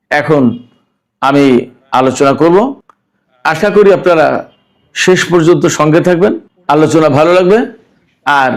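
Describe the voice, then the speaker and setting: Male news commentary host, slightly higher voice, deliberate and measured, likes rhetorical questions.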